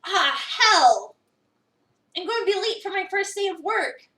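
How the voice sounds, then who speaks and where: In this dramatic game-script reading with casual chat asides, a woman streamer voices the visual novel's lines expressively. Her pitch is extremely high, her intonation lively, and her bright, forceful delivery runs a little slow. The mic is distant and the room sounds echoey.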